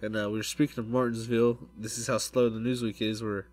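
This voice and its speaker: A man with a lowish voice hosts a casual motorsport chat. He rambles and restarts his sentences often as he talks. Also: little pitch movement, fast talker, a little mellow, dry recording, faint music behind. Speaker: podcast host.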